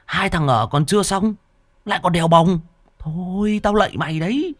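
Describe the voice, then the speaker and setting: A man voicing a blunt, hot-tempered young village man, scolding gruffly. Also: sits high, expressive, normal speed, dry recording, clean studio sound, pitched above the performer's own voice.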